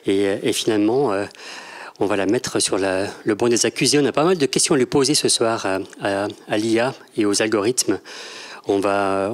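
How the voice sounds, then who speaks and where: Man moderating a panel, medium pitch. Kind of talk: informal live stage hosting. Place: large theatre stage. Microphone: handheld microphone.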